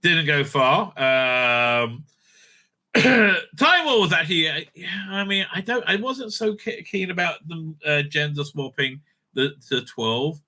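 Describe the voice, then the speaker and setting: A man with a fairly high, animated voice speaks slowly in a sharp tone. He is a YouTube host and reviewer whose rambling, opinionated commentary is blunt and dismissive, and he frequently repeats himself and swears.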